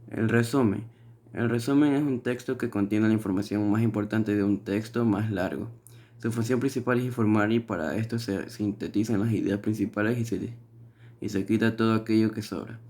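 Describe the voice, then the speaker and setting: A man, a student, reads his class notes aloud haltingly, with frequent restarts and fillers, then shows his assignments. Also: lowish voice, dark tone. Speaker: student presenting his portfolio.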